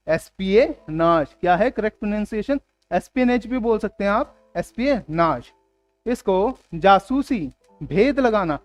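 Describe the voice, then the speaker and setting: Man, vocabulary teacher, high voice, dry close sound, soft music under, slow reading of english words. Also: dry recording. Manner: explains in Hindi, reads English words and sentences slowly; asks the class rhetorical questions. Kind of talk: exam-prep vocabulary lesson.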